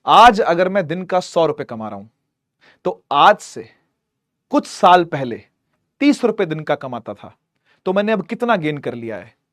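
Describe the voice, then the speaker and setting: High-voiced, playful male physics teacher. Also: very animated, measured pace, long pauses, no room sound, studio quality. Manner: playful, teasing, jokes with students; calls students "beta" affectionately. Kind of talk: lively classroom lecture.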